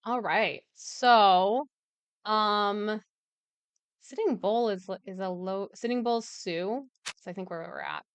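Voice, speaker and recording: Slow-paced woman streamer thinking aloud. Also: medium pitch, clean tone, no echo. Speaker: game streamer. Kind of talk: casual live gaming commentary.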